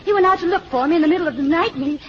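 A woman's voice: very high-pitched, racing. A woman playing a headstrong, earnest young woman in old-time radio comedy style. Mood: worried, determined. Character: headstrong, spirited young woman, publisher's daughter. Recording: dull, faintly noisy vintage radio recording.

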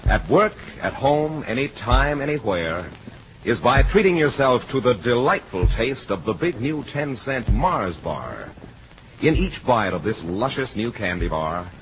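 A man delivers a scripted 1940s radio commercial. He sells with measured emphasis and lively, varied pitch. The recording sounds muffled and old. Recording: dull, noisy vintage radio recording.

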